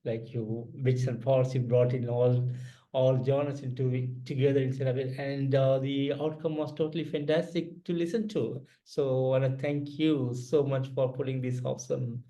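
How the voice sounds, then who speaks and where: A man interviewing a guest over a video call, often repeating praise words and pausing with fillers. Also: mid-range voice, steady tone, warm tone, poor audio. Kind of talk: interview questions.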